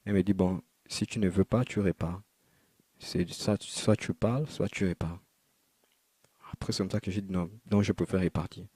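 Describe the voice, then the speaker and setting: A man giving a personal testimony, retelling events in a halting, repetitive way with many restarts and a quiet, subdued delivery. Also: sits low, fairly even intonation, breathy edge, no room sound.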